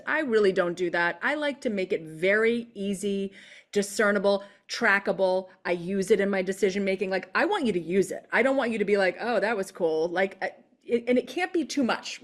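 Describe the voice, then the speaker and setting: A woman coach talking in a podcast conversation, animated and quick to act out what people say. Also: mid-range voice. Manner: animated, acts out quoted voices. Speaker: guest coach.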